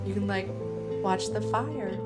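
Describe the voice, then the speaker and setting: A woman with a medium-pitched voice hosts a travel vlog at an unhurried pace. She narrates with a theatrical, playful, upbeat manner while music plays in the background.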